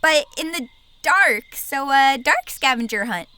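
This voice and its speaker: Woman playing feisty, high-pitched, animated young adventurer. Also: unhurried, exaggerated voice. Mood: spooked. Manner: brash, theatrical, defensive. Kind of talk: audio drama acting.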